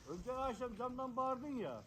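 A man's voice: very high-pitched, very animated, brisk, fairly bright tone, a little hiss or hum. A villager man chatting casually from some distance outdoors, a little wary. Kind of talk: casual chat.

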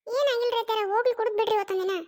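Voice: very high voice, fairly even intonation, racing, darkish tone. A performer voicing a young daughter-in-law in a cartoon comedy skit who coaxes and insists in a North Karnataka Kannada accent. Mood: coaxing. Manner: coaxing and insistent, repeats pleas.

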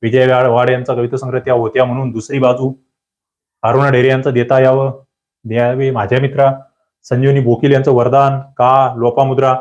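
A man's voice: mid-range voice, a little fast, highs cut off. Man teaching an exam-prep lecture. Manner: lively teacher drilling questions, asking the students questions.

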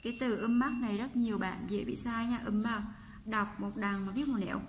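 With a slightly high voice and a Vietnamese accent, a female Korean teacher goes over textbook exercises, patiently saying each example sentence again slowly. Slight background noise is present.

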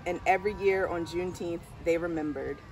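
Faint music plays behind a middle-aged woman reading a picture book aloud in a storytelling style from a garden bench under trees. She is a school diversity director, and her lowish, slightly mellow voice stays steady and fairly quick. The recording comes from a distant camera mic with outdoor background noise.

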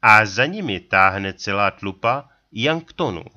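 A man's voice: fairly low pitch, lively intonation, sharp tone, muffled recording. A man voicing a small, stout, sly frontier trapper who talks in a folksy backwoods drawl, in an audiobook. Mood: gruff warning. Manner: folksy, drawling backwoods talk with a pet catchphrase. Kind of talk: audiobook character voice.

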